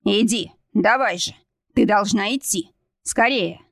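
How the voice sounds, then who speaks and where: A woman's voice: medium pitch, unhurried, creaky, no echo, clean studio sound. A woman reading a stern commanding young man. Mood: urgent. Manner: commanding, urgent orders. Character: stern young man leading through a blizzard.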